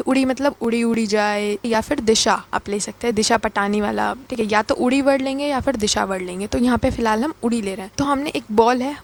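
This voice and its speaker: A woman from Uttar Pradesh teaching an exam-prep lecture, playfully repeating key words and asking and answering her own questions. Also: fairly high pitch.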